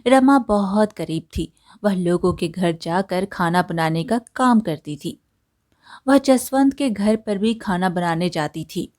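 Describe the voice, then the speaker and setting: A woman narrating a moral folk story in a measured, scripted storytelling style. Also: lowish voice, animated, darkish tone.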